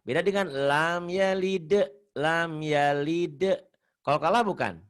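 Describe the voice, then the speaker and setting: A man's voice: on the high side, takes it slowly, clear, resonant tone. A man teaching Quran recitation rules in a casual online lesson, joking, repeating himself and chanting verses as he goes. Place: online video call.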